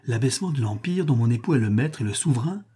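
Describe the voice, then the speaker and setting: A man's voice: mid-range voice, lively intonation, fast, mellow, slightly rough. Man voicing a resolute, tearful empress. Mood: indignant.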